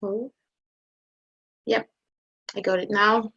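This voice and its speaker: Unhurried woman teacher with a creaky voice who keeps asking "okay?", teaching maths online over muffled audio. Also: mid-range voice, level tone, sharp tone. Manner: hesitant, checks in with "okay?" often.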